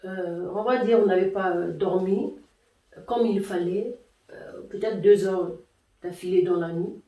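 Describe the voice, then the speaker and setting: A woman giving a spoken language lesson, explaining slowly and patiently, with many pauses and hesitations. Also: medium pitch, reverberant, far from the mic, lo-fi sound. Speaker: language teacher.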